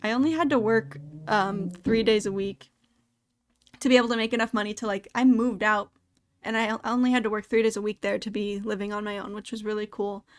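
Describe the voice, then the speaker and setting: A young woman hosting a casual podcast, rambling with lots of fillers and quick asides. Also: mid-range voice, steady tone. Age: young adult. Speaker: podcast host. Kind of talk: casual chat. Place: home streaming setup. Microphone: desktop streaming mic.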